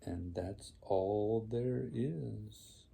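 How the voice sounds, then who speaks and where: An old man reads a picture book aloud as a grandfather would to a child. His voice is dark and mellow, with a gravelly creak, and he takes each phrase very slowly and deliberately. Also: lowish voice. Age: older, grandfather. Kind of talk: storybook read aloud.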